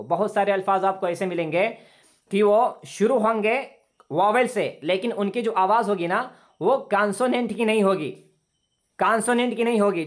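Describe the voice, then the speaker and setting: A male English teacher giving an online lesson over a video call, patiently explaining grammar rules and repeating words slowly for his students. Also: high voice. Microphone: computer mic on a video call.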